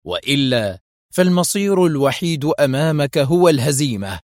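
A man narrating a thriller audiobook in a dramatic, measured storytelling style. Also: a little high, sing-song, no room sound, clean studio sound.

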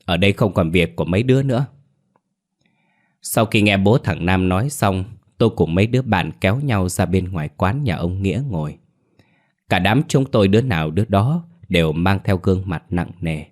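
A man reads a scripted first-person ghost story. His voice is deep and low, and the reading stays measured and steady throughout.

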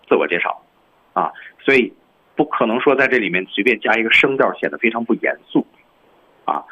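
Man teaching with lively pitch, lo-fi radio sound. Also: slightly rough. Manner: lively, models English lines with drawn-out stress. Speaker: guest English teacher. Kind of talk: explaining English voice-over delivery. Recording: dull lo-fi radio sound, voice a bit off-mic.

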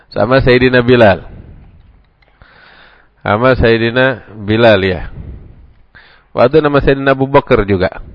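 Betawi-accent guy preaching, jokey storytelling, voices jump way up, dull dry lo-fi sound. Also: dry recording. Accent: Jakarta Betawi Indonesian. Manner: animated, acts out characters with sharp pitch jumps. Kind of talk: humorous storytelling lecture.

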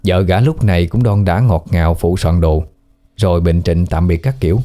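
A man narrates a scripted story in a steady, even way. His voice is very deep and mellow, and soft music plays faintly behind him. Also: normal speed.

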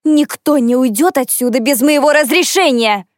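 A betrayed, vengeful young woman lashes out in a high, strained voice that hisses its threats, as a male narrator puts her on. The character is pushed well above the reader's own pitch. The sound is close and dry, like a storybook reading. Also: normal speed, no room sound. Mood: menacing. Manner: accusing, fierce, hissing.

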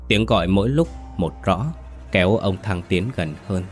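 A man giving grave, measured scripted narration of a horror story. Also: low-pitched, lively intonation. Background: faint music.

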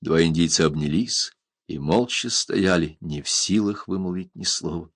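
A man narrating an adventure novel aloud in an expressive, dramatic reading. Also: low-pitched, moderate pace, no room sound, studio quality. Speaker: audiobook narrator. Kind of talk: scripted narration.

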